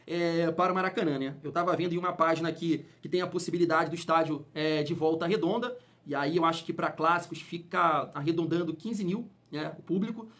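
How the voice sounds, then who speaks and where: A man hosts a casual football commentary, talking straight to his fans. His voice sits high for a man. He sounds opinionated and heated, with a colloquial, chatty delivery. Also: brisk, few pauses, a bit bright. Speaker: football channel host.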